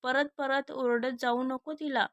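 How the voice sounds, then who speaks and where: A woman's voice: high-pitched, fairly even intonation, unhurried, a bit bright, lo-fi sound. A woman voicing a fond, protective middle-aged aunt in a storybook reading.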